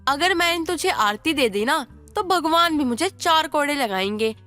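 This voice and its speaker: A sharp-tongued older mother-in-law in an animated family story. She scolds in a sarcastic manner, with a high, bright and pointed voice. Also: normal speed, soft background music. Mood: scolding.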